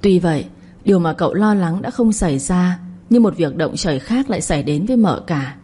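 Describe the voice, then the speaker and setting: A woman reads a serialized story aloud at a steady pace. Her voice sits low and sounds husky, with a dark, mellow tone. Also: brisk. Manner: steady reading, voicing every character. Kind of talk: scripted story narration.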